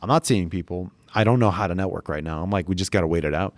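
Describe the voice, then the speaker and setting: Low-voiced man telling loose stories. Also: fast, a little hiss or hum. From United States. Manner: loose storytelling, laughs often, lots of fillers. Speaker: podcast guest. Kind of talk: casual interview chat. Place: private club room.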